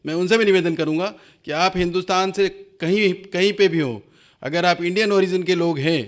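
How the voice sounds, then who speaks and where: A man with a somewhat high voice hosts an online seminar. He talks formally and earnestly, pleading with his listeners and stopping often to hesitate mid-sentence. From India. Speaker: webinar host.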